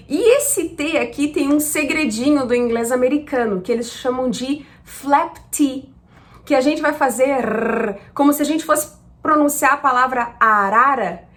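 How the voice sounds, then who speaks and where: Woman from Brazil, English teacher, high-pitched and unhurried, patient explainer. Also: fairly bright tone. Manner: patient, spells out sounds slowly. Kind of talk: explanatory lesson.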